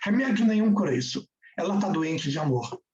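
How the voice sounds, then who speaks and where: A man's voice: high-pitched, expressive, brisk, a little mellow. A man voicing a poor, desperate mother in a retold tale, pleading urgently. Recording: distant, dull recording.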